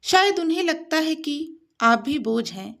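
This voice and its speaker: A woman's voice: high-pitched, big pitch swings, measured pace, vocal fry, fairly bright tone, voice pushed up, full character voice. A woman voicing a scheming young woman who talks sweetly and feigns innocence. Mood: sly.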